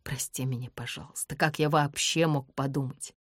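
A woman voicing a shy, gentle adult man in an audiobook, speaking lower than her own voice, earnest and soft. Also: steady tone, moderate pace, husky, no room sound, clean studio sound. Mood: tender. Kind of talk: audiobook character voice.

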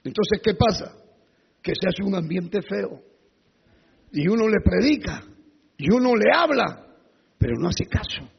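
Brief: male pastor, emphatic sermon delivery, husky gravelly voice, long reverb on a dull lo-fi recording. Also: high-pitched, big pitch swings, unhurried, pauses often. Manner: emphatic, repetitive rhetorical questions.

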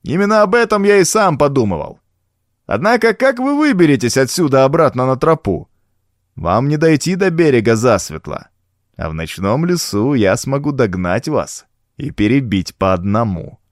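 A man's voice: on the low side, lively intonation, measured pace, no echo, studio quality. A man voicing a scornful, cunning male woodsman in an audiobook, with a taunting, contemptuous manner. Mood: mocking. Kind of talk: audiobook character voice.

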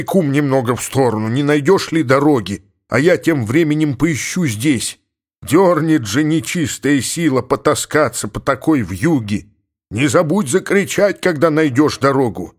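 A man's voice: fairly high pitch, lively intonation, measured pace. A man voicing a sly, stubborn older village cossack who grumbles and mutters to himself with comic indignation. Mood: grumbling.

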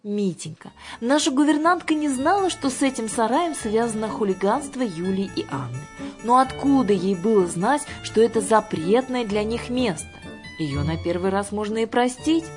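A woman's voice: on the high side, animated, moderate pace, over music, pitched above the performer's own voice, lightly acted. A woman doing a coaxing, sly wife. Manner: coaxing, gently persuasive.

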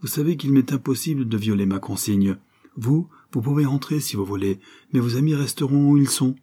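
Man putting on gruff porter guy, old wrestler, broad and stubborn, kinda husky and dark, talks curt and raised. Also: medium pitch, a little fast, pitched above the performer's own voice, close to an everyday voice. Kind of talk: audiobook character voice.

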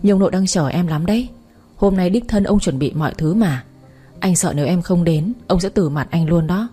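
A woman voicing a calm young boyfriend who gently reassures his girlfriend, in a read-aloud story. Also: lowish voice, a little fast, slightly rough, faint music behind. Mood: coaxing. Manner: gentle, coaxing.

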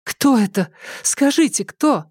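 A man's voice: very high-pitched, animated, takes it slowly, slightly rough, no echo, clean studio sound, pitched above the performer's own voice, exaggerated voice. A man voicing an anxious, impulsive young woman who keeps pleading and asking questions in an audiobook.

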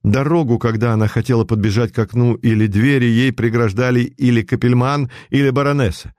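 A man's voice: medium pitch, fairly even intonation, a little fast, a little mellow, dry recording, clean studio sound. A man reading a story aloud in a theatrical, emotive way. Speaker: narrator. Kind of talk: dramatic audiobook narration.

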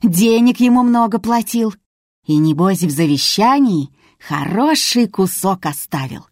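A woman puts on a spiteful milk-seller who scoffs at every claim. Her speech is mocking and sharp, recorded dry and close for an audiobook. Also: medium pitch, animated, unhurried, no room sound. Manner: snappish, mocking.

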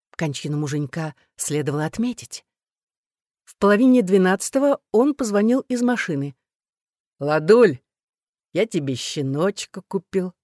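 A woman narrating a first-person novel as an audiobook, in a lively, sardonic storytelling manner. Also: mid-range voice, dry recording, clean studio sound.

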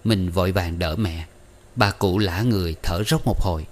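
A man narrating a novel in a measured storytelling manner. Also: deep voice. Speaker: audiobook narrator. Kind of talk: scripted narration.

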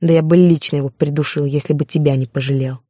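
A reader voicing a cold, possessive male lover who speaks slowly with calm mockery. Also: medium pitch, dry recording, studio quality, close to an everyday voice. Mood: cold smug.

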